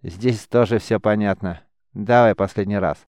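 A man's voice: on the low side, measured pace, a little mellow, clear, resonant tone, dry recording, studio quality. A man reading an audiobook, voicing an arrogant veteran warrior captain who mocks and taunts. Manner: mocking, swaggering. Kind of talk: audiobook character voice.

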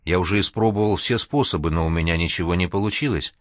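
A man's voice: low voice, fast talker, no room sound, clean studio sound, close to an everyday voice. A man reading an audiobook, voicing a complaining, resentful young male artist. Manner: whiny, complaining.

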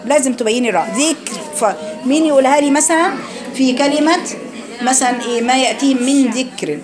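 A high-pitched woman with an Egyptian accent leads a recitation lesson in a classroom. She fires questions at her students and sounds out words slowly for them to repeat. A steady murmur of a crowded room runs underneath her voice. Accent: Egyptian Arabic. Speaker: Quran recitation teacher. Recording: crowd noise behind.

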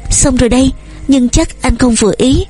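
A woman voicing a shy, gentle young woman painter who talks softly and playfully. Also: high-pitched, fast talker, faint music behind, voice pushed up. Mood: tender. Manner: soft and sweet, a little playful.

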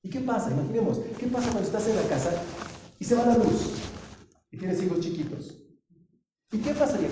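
A man preaching a sermon as a pastor, animated, with sudden loud emphasis. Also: sits high, recorded from a distance. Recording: very echoey hall, heard from afar with clear noise.

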